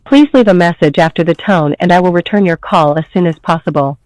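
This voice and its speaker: A man's voice: high voice, a little fast, darkish tone, no room sound. A man, a church deacon, giving a formal recorded voicemail greeting heard over a landline phone. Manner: formal, rehearsed. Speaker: church deacon and charity executive.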